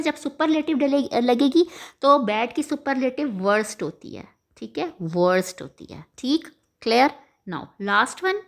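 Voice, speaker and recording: Woman teaching grammar. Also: high voice. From Pakistan. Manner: explains step by step, often checks with "ठीक है" and corrects herself mid-lesson. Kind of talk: exam-prep grammar lesson.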